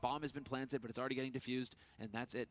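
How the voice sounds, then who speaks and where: A man's voice: mid-range voice, level tone, very fast, background noise. A man working as an esports caster, giving urgent, running play-by-play commentary on a live match. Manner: running, urgent narration of the action.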